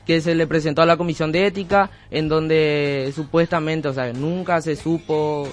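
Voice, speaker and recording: A man, a radio sports producer running through match fixtures in a brisk, matter-of-fact way. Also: on the high side, fairly even intonation. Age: 20s. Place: radio studio.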